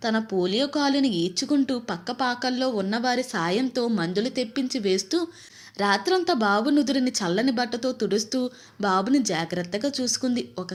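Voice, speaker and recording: A woman from Amalapuram in Andhra Pradesh, narrating a moral story in a steady, expressive storytelling manner. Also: a little high.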